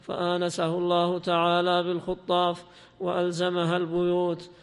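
A man's voice: high voice, completely flat delivery, clear, resonant tone. A man reading a classical religious text aloud to a teacher in a lilting, chanting style. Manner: lilting, drawn-out chanting delivery. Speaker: student reader. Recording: long hall reverb.

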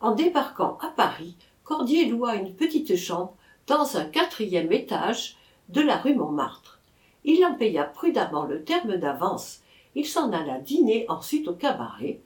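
A woman narrating a classic novel as an audiobook, in an expressive storytelling manner. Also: mid-range voice, a little slow. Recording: echoey room.

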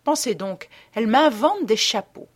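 A woman's voice: fairly high pitch, expressive, moderate pace. A woman voicing a witty, teasing aristocratic duchess in an audiobook, with an arch, playful manner. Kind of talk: audiobook character reading.

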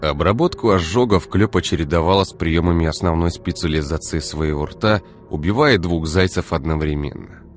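A man reading a dark audiobook in an even, unhurried narrating voice. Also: sits low, faint music behind. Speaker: audiobook reader.

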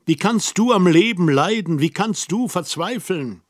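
A man's voice: medium pitch, steady tone, normal speed, fairly bright tone, no room sound, clean studio sound, natural voice. Give me a man voicing a melancholy aging intellectual in an audiobook, earnest and puzzled. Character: aging melancholy male intellectual, lonely and brooding. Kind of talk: audiobook character reading.

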